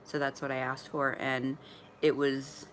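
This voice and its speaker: A woman's voice: extremely low pitch, flat delivery, unhurried, slight background noise. A woman in her forties chatting candidly on a livestream from her mother's apartment, often laughing and sometimes talking while eating. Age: 40s. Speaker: vlogger livestreaming to followers. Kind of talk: casual livestream chat.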